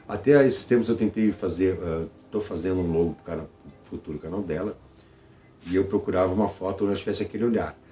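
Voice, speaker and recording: A man with a Brazilian Portuguese accent speaks to his audience in an easygoing vlog monologue. His voice sits a little low and sounds mellow and relaxed. He circles back over his own phrases, checks in with listeners often, and faint music plays behind him. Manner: conversational, repeats phrases, frequent "tá?" tags. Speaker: channel host.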